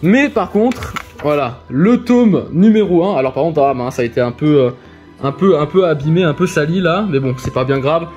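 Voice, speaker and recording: A man casually showing his convention purchases on camera, chatty and excited, with many fillers and repeated words. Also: a little high, moderate pace, dull audio, faint music behind. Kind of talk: casual unboxing vlog.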